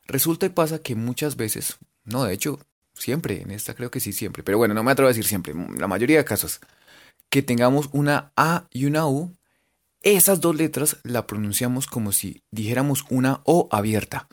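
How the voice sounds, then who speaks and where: A lively, playful teacher with a Colombian accent whose voice swoops up and down as they lead an online lesson. They spell words letter by letter, crack little jokes, and slowly draw out each word to sound it out. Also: mid-range voice. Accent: Colombian Spanish. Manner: animated, drawn-out sounding-out of words. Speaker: language teacher.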